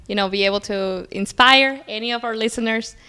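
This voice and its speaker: A woman's voice: fairly high pitch, a little fast, sharp tone, smooth. A young adult woman from Colombia, a native Spanish speaker, talking upbeat and positive as a podcast guest, with frequent fillers. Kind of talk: casual interview conversation.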